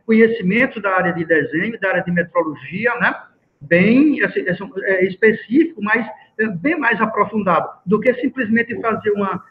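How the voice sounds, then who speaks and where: A man with a high voice presents to a seminar, stopping often to restart his phrases and fill pauses. The sound is thin and tinny, like a phone line. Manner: hesitant, many fillers and restarts. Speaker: course presenter. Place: seminar room.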